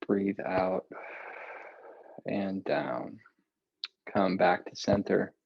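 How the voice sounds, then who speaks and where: A man calmly guiding breathing and stretching exercises from a meditation cushion at home, with casual asides. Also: sits low, gravelly, breathy edge, no room sound, muffled recording. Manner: slow, calm, relaxed with casual asides. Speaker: meditation and yoga guide. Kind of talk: guided breathing and stretching instruction.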